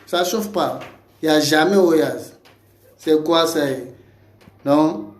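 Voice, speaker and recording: A man's voice: on the high side, takes it slowly. A man from Cameroon addressing a rival in a combative, taunting video rant, repeating challenges and insults. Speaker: online commentator. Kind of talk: ranting video message. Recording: roomy echo.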